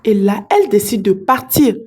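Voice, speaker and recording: A woman's voice: mid-range voice, sing-song, normal speed, a little mellow, husky. A woman telling a dramatic story and speaking directly to her listeners.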